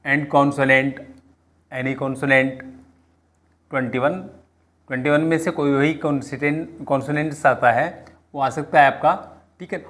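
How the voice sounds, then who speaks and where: Very slow-speaking Indian man teaching phonics. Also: medium pitch, fairly bright tone. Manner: switches between halting English and Hindi explanation; slow, deliberate, with many pauses and fillers. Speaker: coaching class teacher. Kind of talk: classroom phonics lesson.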